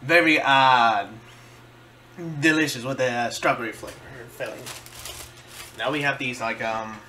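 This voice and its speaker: A man doing a casual food-tasting vlog, halting and searching for words as he chews and talks. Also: medium pitch, pushed and bright, a little hiss or hum. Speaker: vlogger.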